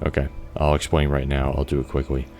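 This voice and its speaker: A man's voice: rumbling low, completely flat delivery, fairly quick, a little mellow, faint music behind. A man casually talking through his gameplay, thinking aloud with lots of restarts, fillers and the odd swear word. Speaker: gameplay video creator.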